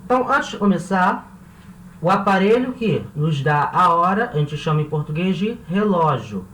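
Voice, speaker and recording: A man from Brazil teaching a video language lesson, patiently repeating words slowly and checking in with his viewers. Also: sits high, very animated, fairly bright tone, slight background noise. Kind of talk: classroom-style video lesson. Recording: echoey room with faint ambience.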